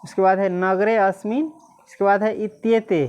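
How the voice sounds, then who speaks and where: A woman teacher, reading Sanskrit slowly syllable by syllable and quizzing the class again and again. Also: mid-range voice, steady tone, a little mellow, clear, resonant tone. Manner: repeatedly quizzes listeners, slow syllable-by-syllable reading.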